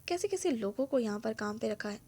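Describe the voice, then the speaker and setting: A woman voicing an arrogant young rich man who shouts threats in anger, reading a story aloud. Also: expressive. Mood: furious. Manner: shouting threats, rising pitch on insults.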